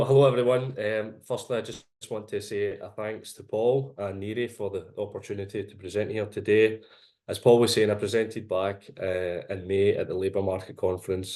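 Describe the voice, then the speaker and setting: The presenting researcher, a Glaswegian with a strong accent and a voice that sits fairly low, goes through his findings in a measured, steady manner. It's an academic seminar presentation that appears to be held over video call.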